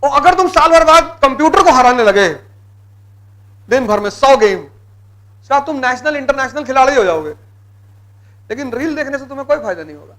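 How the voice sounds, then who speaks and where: A man's voice: very high voice, lively intonation, brisk, long pauses, fairly bright tone. A middle-aged man giving a motivational lecture to exam students, exhorting them with blunt commands and repeating key words for emphasis.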